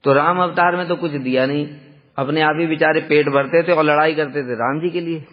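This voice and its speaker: Lively male devotional storyteller. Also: a little high, brisk. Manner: lively, conversational, rhetorical questions. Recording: dull lo-fi sound with long hall reverb.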